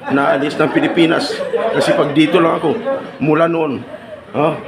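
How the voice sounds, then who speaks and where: Over a noisy crowd, a man with a fairly high, level voice speaks at a normal pace. He's giving a live seminar to trainees, kidding around with them and often asking for agreement, recorded in an echoey training room with background noise.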